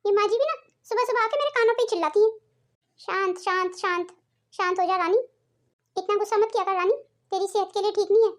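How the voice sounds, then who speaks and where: A woman's voice: very high-pitched, brisk. A woman voicing a lazy, headstrong young newlywed daughter-in-law in a cartoon, talking in a whiny, sulky way with faint music behind. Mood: grumbling.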